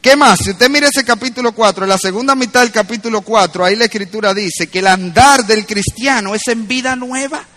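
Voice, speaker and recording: Man, pastor, preaching with punchy climbs and hushed asides, high-pitched delivery. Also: brisk, few pauses. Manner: animated preaching, shifting between loud emphatic peaks and low asides. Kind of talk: sermon.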